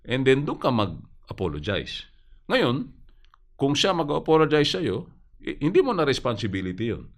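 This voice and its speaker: A man, a pastor giving advice in a casual radio discussion, animated, often tossing in quick rhetorical questions. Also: medium pitch.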